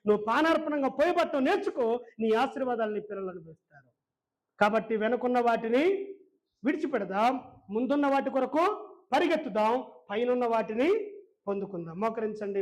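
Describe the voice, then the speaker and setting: Very high-voiced male preacher. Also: fairly quick, pauses often. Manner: emphatic, rhetorical questions to the congregation. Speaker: pastor. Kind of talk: sermon. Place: church.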